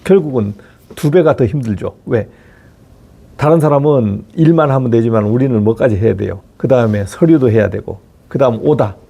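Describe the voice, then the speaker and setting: Middle-aged facilities chief, gravelly husky voice, blunt rhetorical lecture with swearing. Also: male voice, mid-range voice, dark tone. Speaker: facility management chief giving career advice. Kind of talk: motivational talk to viewers.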